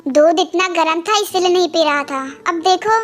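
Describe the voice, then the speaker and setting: A woman voicing a gentle, caring young husband and new father in an amateur fan dub. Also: very high voice, moderate pace, faint music behind. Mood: soothing. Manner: gentle, soothing, teasing.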